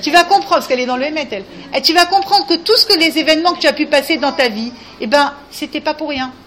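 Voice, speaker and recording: Earnest woman teaching, coaxing and high. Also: fast, pushed and bright, a little hiss or hum. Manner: earnest, coaxing, repeats questions. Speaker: religious teacher. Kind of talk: spiritual guidance talk to a group.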